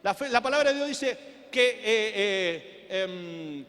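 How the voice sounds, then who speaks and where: A man with a very high, bright and forceful voice preaches a sermon with fervor, rising to shouts and then dropping back to quiet intensity. His words ring out in the long reverb of a church hall. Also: lively intonation, slow pace. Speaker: pastor. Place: church sanctuary.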